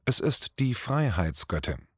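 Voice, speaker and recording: A man's voice: mid-range voice, sing-song, unhurried, bright, forceful tone, husky, dry recording, studio quality, exaggerated voice. A man reading out a quoted scene and voicing a sneering aristocratic father who patronizes his little daughter in a sweetly mocking tone.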